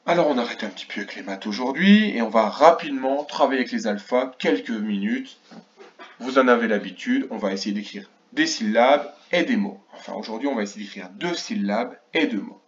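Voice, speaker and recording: A man's voice: medium pitch, a little fast, slight background noise. A man teaching young children in a remote lesson, counting aloud and sounding out syllables carefully. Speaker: kindergarten teacher. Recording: dull lo-fi recording.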